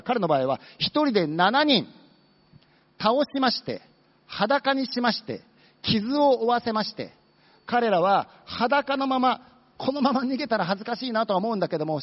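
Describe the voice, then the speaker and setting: Guy preaching in a church hall, high voice, muffled sound with long echo, tells it like a story. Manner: storytelling, acting out demons with quick asides. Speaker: pastor. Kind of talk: sermon.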